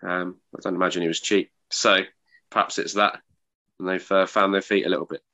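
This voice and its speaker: A man's voice: deep voice, little pitch movement, brisk, pushed and bright. A man from England co-hosting a casual podcast, chatting through football research he has done. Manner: chatty, lays out match research. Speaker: podcast co-host. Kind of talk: casual chat.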